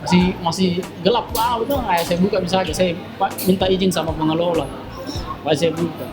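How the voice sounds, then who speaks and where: A man with a Makassar accent, the owner of a coffee shop, chatting in an interview and telling stories in a lively way with local fillers. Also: sits high, a little fast, crowd noise. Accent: Makassar Indonesian. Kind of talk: casual interview. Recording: music playing in the background.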